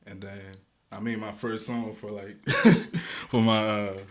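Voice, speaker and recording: Speaking slowly in a fairly low, level voice, a young Guatemalan man chats as a guest rapper in a casual interview, with a little hiss or hum present. His laid-back slang is riddled with fillers and restarts.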